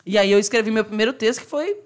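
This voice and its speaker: A woman stand-up comedian, chatting casually and tossing in jokes. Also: a little high. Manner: joking, quick asides. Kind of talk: casual chat.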